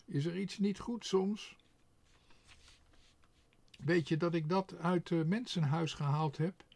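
A man voicing an indignant, boastful male crow in an audiobook, with a proud, quick-to-take-offence way of talking. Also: fairly high pitch, darkish tone, pitched above the performer's own voice. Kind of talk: audiobook character voice.

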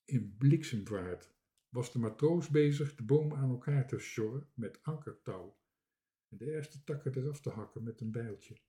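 A man reading a children's book aloud with expressive storytelling. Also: mid-range voice, moderate pace. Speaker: reader.

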